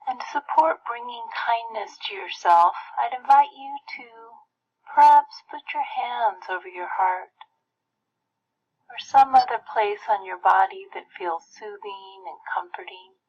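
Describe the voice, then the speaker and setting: A woman leading a guided meditation in a soft, breathy, almost whispered way with gentle pauses. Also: fairly high pitch. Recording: muffled lo-fi playback.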